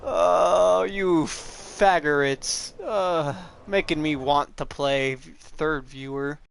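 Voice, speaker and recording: A young man rambling through live gameplay commentary as a streamer, excitable and swearing at the game. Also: a little high, slow pace, a little hiss or hum. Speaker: gaming streamer.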